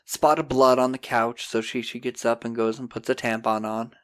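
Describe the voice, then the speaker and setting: A man hosting a podcast, recapping a film in a casual, animated, jokey way. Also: medium pitch, moderate pace, clean tone. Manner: animated storyteller, jokey, acting out scenes. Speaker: podcast host.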